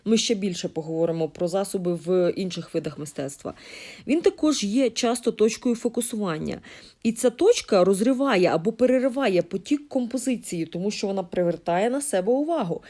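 A woman from Ukraine explaining design and art principles in a lesson, talking with fillers and quick self-corrections. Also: medium pitch, expressive, mellow. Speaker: art teacher.

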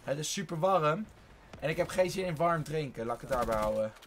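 A man giving rambling live gameplay commentary from his bedroom, voice a little strained, with excited outbursts and swearing. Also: fairly high pitch, brisk, a little hiss or hum. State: slightly strained voice. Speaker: gaming YouTuber. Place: his own warm bedroom.

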